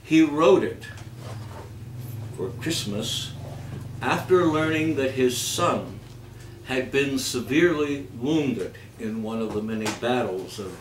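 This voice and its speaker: This man hosts a live holiday readers theater, talking slowly in a medium pitch with animated delivery. He halts, repeats words and cracks jokes through an informal stage show of comic readings. He's captured from afar in an echoey, noisy hall before an audience.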